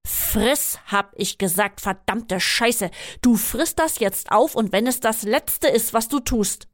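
A woman voicing a cruel, harsh father in a memoir reading, speaking slowly, coldly and menacingly. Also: on the high side.

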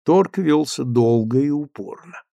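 A man narrating an audiobook story in a measured storytelling manner. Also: on the high side, animated, creaky, mellow, no echo.

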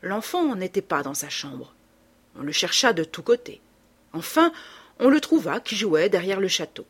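Expressive woman narrating a classic novel. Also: medium pitch, moderate pace, breathy edge. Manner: expressive, dramatic reading. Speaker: audiobook narrator. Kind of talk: storybook narration.

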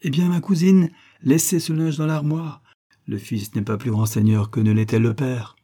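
A man's voice: lowish voice, little pitch movement, moderate pace, dark tone, lightly acted. A man reading the part of a courteous, good-humored young colonel in an audiobook.

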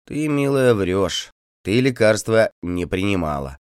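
A severe and solemn village medic of many years' experience who scolds a patient and sets her straight, voiced by a male reader. His delivery is stern and heavy, lifted a little above the reader's own low pitch, in a close, dry recording. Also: expressive, normal speed, dry recording.

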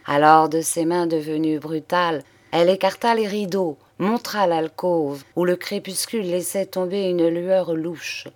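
A woman reading a literary story aloud in a measured way. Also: fairly low pitch, fairly even intonation, a little mellow. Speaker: audiobook reader. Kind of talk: literary narration.

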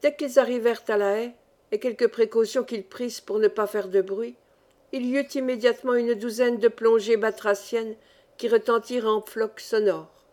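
Audiobook narrator, woman, animated storybook delivery, a bit high. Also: normal speed. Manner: lively storytelling, varied pace. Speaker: audiobook reader. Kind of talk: scripted narration.

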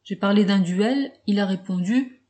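A woman's voice: mid-range voice, moderate pace, warm tone, close to an everyday voice. A woman reading as a stern, scolding older uncle. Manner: scolding, grave.

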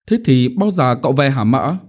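A naive little boy chirps high, lively questions in a storybook reading, coaxing and eager to please. A man puts him on with a raised, animated voice. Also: moderate pace, close to an everyday voice. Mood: innocent questioning.

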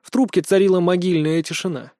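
A man reads the narration of an audiobook with steady, dramatic storytelling. His voice is slightly high and mellow, recorded close in a dry, dead space. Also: fast, no echo. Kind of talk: scripted narration.

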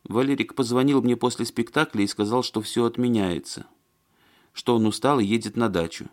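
A man's voice: mid-range voice, normal speed, a little mellow, voice pushed up, close to an everyday voice. A man reading an audiobook and voicing a fussy, flustered woman who chatters and complains in a plaintive, agitated way. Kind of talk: audiobook character voice.

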